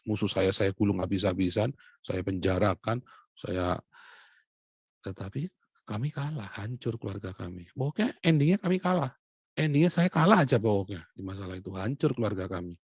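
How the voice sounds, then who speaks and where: A middle-aged man preaching a sermon, acting out quotes from his family and swinging between loud and soft passages. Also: on the low side, expressive, moderate pace, slightly rough, no room sound.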